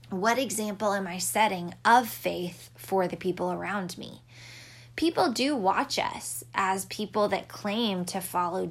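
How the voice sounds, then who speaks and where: A young woman, a mother, giving a devotional talk in an earnest, reflective way with touches of light humor. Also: medium pitch.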